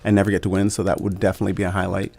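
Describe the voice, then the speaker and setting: Gravelly low-voiced man reflecting. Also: level tone, rapid-fire, darkish tone. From Canada. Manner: reflective, grateful, laughs easily, many fillers. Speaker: basketball coach, guest. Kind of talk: radio interview conversation.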